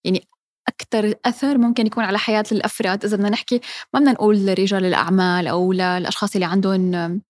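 Quick woman host. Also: mid-range voice, steady tone, no echo. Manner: conversational, probing questions. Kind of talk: interview questions.

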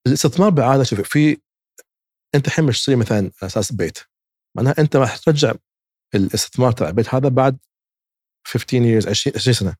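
Brief: male guest, rapid and emphatic, slightly husky, dry close sound. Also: mid-range voice, expressive, darkish tone, dry recording. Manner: emphatic, acts out other people's words. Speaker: guest investor. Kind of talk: casual interview advice.

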